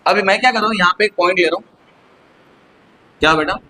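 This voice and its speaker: A man's voice: sits high, fast, pushed and bright, a little hiss or hum, rough recording. A male physics teacher giving a classroom lecture, constantly asking the students questions and answering them himself, with English terms mixed into his explanation.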